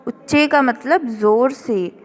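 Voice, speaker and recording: Slow, careful woman teacher in a reverberant room. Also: a little high. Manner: slow, careful word-by-word explanation. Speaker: school teacher. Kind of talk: recorded classroom revision lesson.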